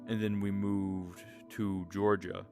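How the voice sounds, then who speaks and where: A young man with a Southern American drawl rambles on in a casual late-night podcast chat, candid and quick to swear. His voice sits very low, and music plays behind him. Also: level tone, darkish tone. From Southern United States. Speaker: podcast co-host.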